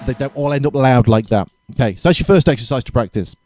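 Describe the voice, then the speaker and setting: A man giving a casual drum lesson, chatty and relaxed, correcting himself and counting beats aloud, with drums played between his explanations. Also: medium pitch, quick pace, loud music behind the voice. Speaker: drum teacher. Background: drumming between explanations.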